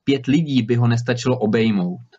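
A man narrating a fairy-tale audiobook in a steady storytelling voice at a middle pitch. He reads in an even, measured way. The recording sounds slightly dull. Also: husky. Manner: steady storytelling, lively in dialogue.

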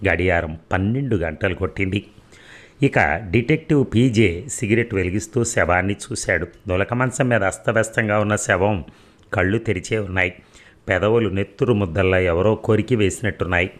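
A man narrating a crime novel as an audiobook, in an even, measured reading. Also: on the low side.

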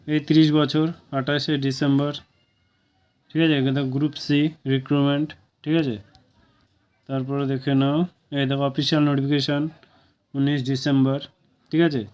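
A man's voice: fairly high pitch, little pitch movement, brisk, pauses often, smooth. A man with a Bengali accent, going through a job vacancy notice for viewers in a casual, chatty way and checking in often to ask if they follow. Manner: casual, keeps asking "okay?" to viewers. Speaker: job news presenter. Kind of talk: informal job-vacancy explainer. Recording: dull lo-fi recording.

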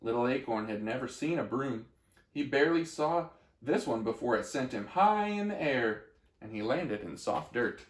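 A man reading a children's storybook aloud in a gentle, expressive way. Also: mid-range voice, moderate pace, roomy sound. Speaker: story reader.

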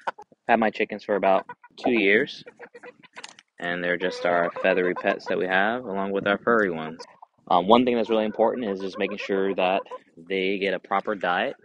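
A man in his thirties with a very low voice, talking easily and unhurriedly to a camera set a few meters away in an open backyard. He stumbles into restarts and fillers now and then. Faint outdoor noise and hens clucking sit behind him. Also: steady tone, normal speed, highs cut off. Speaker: vlogger reviewing chicken feed. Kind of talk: casual product review vlog. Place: outdoors in a backyard by a chicken coop. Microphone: camera on a tripod a few meters away. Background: chickens clucking.

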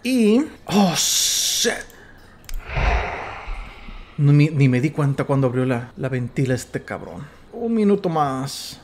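Excitable Mexican gamer with a slightly high voice. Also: male voice, slow, pauses often, a little hiss or hum. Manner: excitable, swears freely, stammers when telling stories. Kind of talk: casual let's play commentary.

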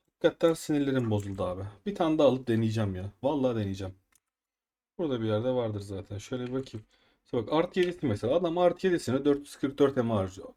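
A man talks through his gameplay in a relaxed, chatty way at an ordinary middle pitch. He gets worked up fast when things go wrong, then settles back into steady commentary. Typing and mouse clicks sit behind his voice. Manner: excitable, frustrated outbursts while upgrading items. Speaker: gaming video host. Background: keyboard typing and mouse clicks.

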